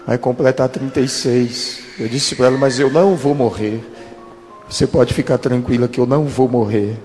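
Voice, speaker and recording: A man in his thirties, a pastor, giving a dramatic testimony and slowing down for quoted speech. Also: mid-range voice, steady tone, mellow. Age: 30s. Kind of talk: testimony sermon. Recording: reverberant hall with music behind.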